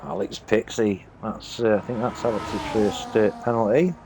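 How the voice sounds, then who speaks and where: Male sim racing commentator, live play-by-play with fillers, pitch rises in close battles, noisy recording. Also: steady tone. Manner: fillers and brief pauses while following the action. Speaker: race commentator.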